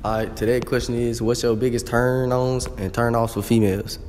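A man's voice: medium pitch, flat delivery, normal speed, darkish tone, a little hiss or hum. A teenage boy interviewing classmates in school hallways, teasing and slangy, holding a handheld mic. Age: teens. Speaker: street interviewer. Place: school hallways and restroom, indoors. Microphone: handheld mic held by speaker.

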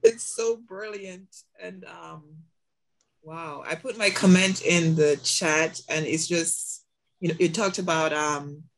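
Over a low-quality video call mic, a woman with a low voice and fairly even intonation asks a question as an audience member. Her comment is heartfelt and rambling, delivered slowly with many ums and soft laughs.

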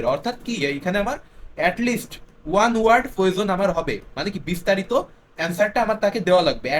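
Guy with a high-ish voice explaining grammar, repeats examples, mixes in english words, faint background hiss. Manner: repeats example sentences slowly. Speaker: grammar teacher. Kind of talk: explaining lesson.

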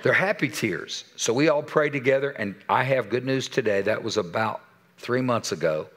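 A man in his sixties preaching a sermon in a church, telling a story with animated quoted dialogue and dropping to a soft voice for serious points. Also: medium pitch, normal speed. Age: 60s. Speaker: pastor. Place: church sanctuary.

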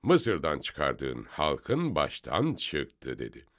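A man's voice: extremely low pitch, wildly swooping pitch, very slow, a bit bright. A man explaining Bible passages step by step in a scripture study discussion, emphatic and explanatory. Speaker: Bible teacher.

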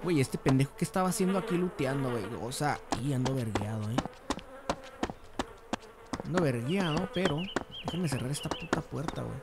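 A young man with a Mexican accent giving crude, slang-heavy commentary while playing a game, breaking into sudden shouts. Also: mid-range voice, lively intonation, fairly quick, long pauses, heavy background noise. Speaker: gamer. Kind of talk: profane gameplay commentary.

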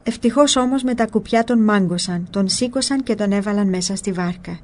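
Calm woman reading a spiritual book. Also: mid-range voice. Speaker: narrator.

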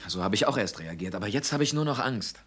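An earnest, lively-voiced young son. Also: male voice, fairly low pitch, fast, husky. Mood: worried. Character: worried young adult son. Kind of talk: TV drama dub.

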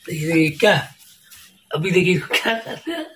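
A man's voice: high voice, very animated, normal speed, fairly bright tone, a little hiss or hum. A man chatting casually to his viewers in a home vlog, recorded on a handheld phone at home. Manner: chatty, keeps addressing viewers as friends. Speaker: family vlogger.

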